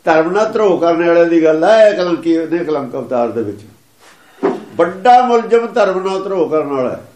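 A man's voice: on the high side, animated, normal speed, a little mellow, reverberant. A man giving a sermon that explains scripture, repeating and chanting its lines with emphasis. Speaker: religious preacher.

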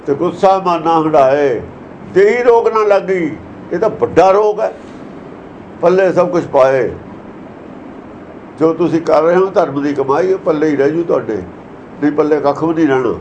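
A man's voice: fairly high pitch, moderate pace, pauses often, darkish tone, muffled recording, slight background noise. A man giving a religious discourse that explains verses, lecturing earnestly and asking many rhetorical questions. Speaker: preacher.

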